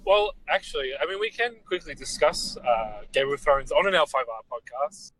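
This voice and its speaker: A man's voice: on the high side, sing-song, normal speed, a bit bright, poor audio. Hesitant man, faint background hiss. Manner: thoughtful, hesitant, lots of ums. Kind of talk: casual chat.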